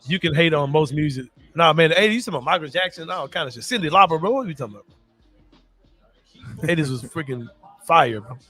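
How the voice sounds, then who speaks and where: A man's voice: a little high, animated, fairly quick, pushed and bright, soft background music. A man hosting a casual podcast, talking in loose slang, laughing often and leaning on "bro" for emphasis. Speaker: podcast host. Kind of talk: casual sports and pop culture chat.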